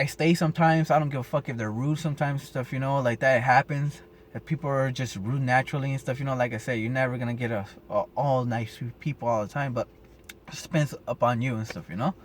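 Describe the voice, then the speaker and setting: A man vlogging as a rideshare driver, rambling and swearing, tacking "and stuff, you know" onto his sentences, caffeinated early in the morning. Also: on the high side. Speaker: rideshare driver giving advice. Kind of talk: casual unscripted vlog.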